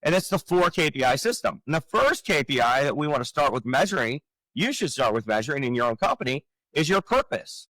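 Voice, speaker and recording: A man in his forties, a real estate coach talking on a podcast, explaining his framework with energetic rhetorical questions. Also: on the high side, brisk, dry recording, low-quality recording. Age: 40s. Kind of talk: casual podcast talk.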